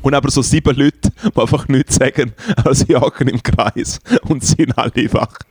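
A man's voice: mid-range voice, fairly even intonation, normal speed, slightly rough, dry recording. A young man with a Swiss German accent telling rambling, slangy stories in casual chat with many fillers. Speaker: podcast co-host.

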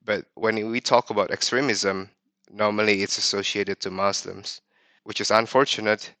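A man's voice: lowish voice, level tone, normal speed, sharp tone, no echo. A man in his thirties from Indonesia, telling personal stories as a podcast guest in a reflective way, often restarting his sentences. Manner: reflective, with frequent restarts and fillers. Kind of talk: personal storytelling.

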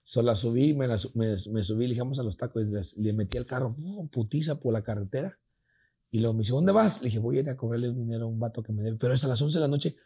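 A man with a Mexican Spanish accent telling a personal story in casual chat, animated and swearing freely, acting out the voices of people in it. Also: mid-range voice, fast talker, slightly rough.

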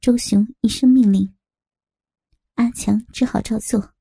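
Female audiobook narrator, dark and mellow, somewhat gravelly, steady dramatic delivery. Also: fairly high pitch, measured pace.

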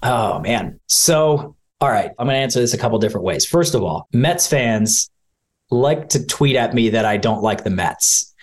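A man's voice: mid-range voice, animated, moderate pace. A man in his forties, a sportscaster from Ohio, talks through his career in a casual interview. He tells stories in a chatty, easygoing way with a middle-range voice. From Ohio, USA. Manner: chatty, warm storytelling with laughs. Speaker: sportscaster guest.

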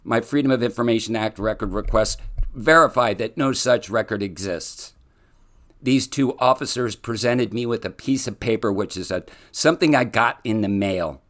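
A man's voice: lowish voice, normal speed, a bit bright. A man hosting his own solo podcast, talking earnestly in legal terms and often restarting his sentences. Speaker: podcast host.

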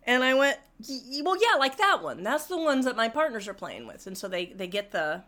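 A woman's voice: fairly high pitch, brisk. An older woman telling a funny story in casual chat, laughing often and acting out the people in it. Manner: animated, laughs often, acts out the people in her stories.

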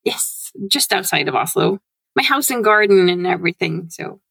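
Guest: woman, lively and laugh-prone, slight vocal fry, dry close sound. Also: mid-range voice, no echo. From Norway. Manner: animated, laughs often, quick bursts. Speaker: guest, CRM consultant. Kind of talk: casual interview chat. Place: home.

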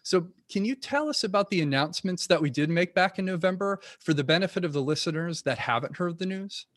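A man's voice: high voice, lively intonation, a little fast, fairly bright tone, dry recording. Man hosting a podcast interview. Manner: friendly, scripted introductions with some restarts. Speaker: podcast host.

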